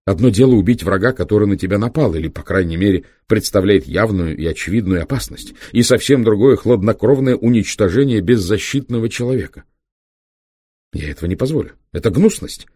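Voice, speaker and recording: A man's voice: fairly low pitch, expressive, fairly quick, dark tone, dry recording, studio quality, voice pushed up. A man voicing an indignant doctor in charge. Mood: outraged. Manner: agitated, morally outraged. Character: indignant male doctor, mission leader with scruples.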